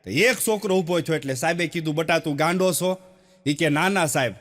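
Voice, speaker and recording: High, bright-voiced comedian. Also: male voice, a little fast. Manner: acts out dialogue, laughs along, drawls some lines. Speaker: stand-up comedian. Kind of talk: Gujarati folk comedy storytelling.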